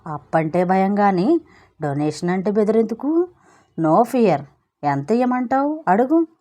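A woman voicing Chalam, an excitable, dramatic young man who mixes in English words. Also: medium pitch, normal speed, close to an everyday voice.

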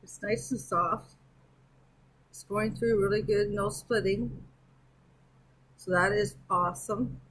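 A woman reviewing yarn on her crochet channel, talking in an unhurried, easy way. Her voice is a little husky, and she thinks aloud as she works, counting stitches under her breath. It is a relaxed home crafting chat. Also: mid-range voice, low-quality recording. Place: at home with an air conditioner running.

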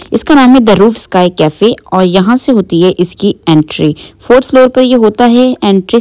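A young woman talks through her outing in a relaxed, chatty voice-over. She describes the places and food in an easy, conversational way, as a vlogger speaking to her viewers. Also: mid-range voice. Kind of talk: travel and food vlog voice-over.

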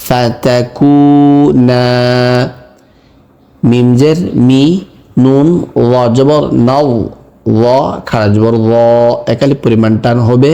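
A man teaching Quran reading in a slow lesson, spelling each word letter by letter and then chanting it. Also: medium pitch, steady tone, mellow. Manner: spells words letter by letter, then recites them in a drawn-out chant. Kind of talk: slow step-by-step recitation lesson.

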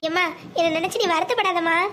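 Woman playing a tearful young cartoon bride-to-be, gentle, pleading, very high, brisk. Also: a little hiss or hum.

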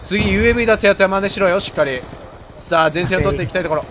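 A man doing game commentary while he plays, barking orders like a mock commander and shouting in rough slang. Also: high voice, racing, slight background noise. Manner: loud, theatrical, bossy mock-commander banter. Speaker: gaming commentator.

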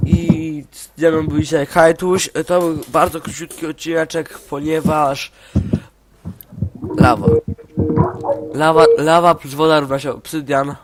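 A man's voice: fairly high pitch, level tone, a little slow, long pauses, loud music behind the voice. A teenage boy hosting a casual Minecraft let's play, bossy and crude, trading teasing jokes. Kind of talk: casual gaming banter.

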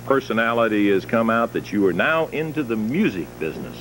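Animated male wrestling promo interviewer, very noisy tape. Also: fairly low pitch, fairly quick. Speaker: wrestling show interviewer and announcer. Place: TV wrestling studio with a seated audience. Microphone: handheld microphone. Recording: very noisy old 1970s TV studio tape.

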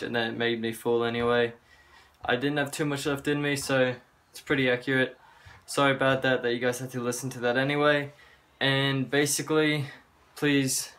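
Young man, fitness vlogger at home, casual chat to camera, medium-pitched with little variation. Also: a bit bright. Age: young adult. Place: small carpeted room at home, indoors.

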